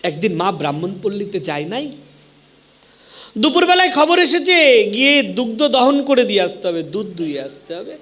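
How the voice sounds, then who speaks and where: A man's voice: high-pitched, sing-song, normal speed, fairly bright tone, reverberant. A man telling a devotional scripture story as a sermon, with dramatic wailing and repeated lines. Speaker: Bhagavata storyteller preacher.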